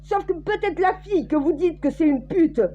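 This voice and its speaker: Blunt high-voiced French woman, lo-fi. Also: normal speed, warm tone, a little hiss or hum. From France. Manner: blunt and crude, addressing viewers directly. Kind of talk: casual monologue.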